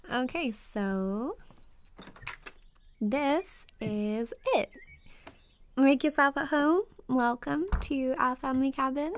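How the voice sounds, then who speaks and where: A young woman with a high voice plays a warm, playful best friend in an intimate ASMR roleplay. She chats casually, giggling and teasing, with a slightly hesitant manner.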